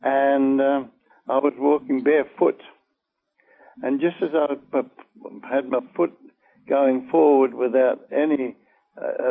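Older male interviewee, slow and gravelly, halting recollection, tinny phone-like recording. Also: mid-range voice. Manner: slow, halting storytelling with many fillers. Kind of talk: oral history recollection.

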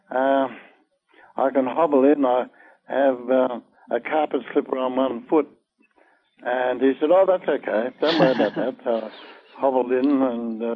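An older man telling a long personal story in an oral-history interview, halting and full of fillers. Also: mid-range voice. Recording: tinny phone-like old recording.

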